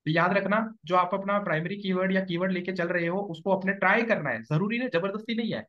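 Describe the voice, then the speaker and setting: Speaking fast in a high-pitched voice, a male SEO trainer explains material to a live class and frequently checks that everyone understands. It's a dull, lo-fi classroom recording.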